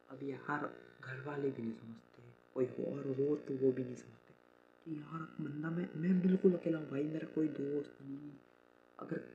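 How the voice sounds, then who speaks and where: A man's voice: medium pitch, creaky, dark tone. A young man venting in a personal vlog, frustrated and hurt, talking through his troubles with lots of fillers and restarts. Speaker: vlogger. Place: rural home with farm. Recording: slightly dull lo-fi audio with faint ambient noise.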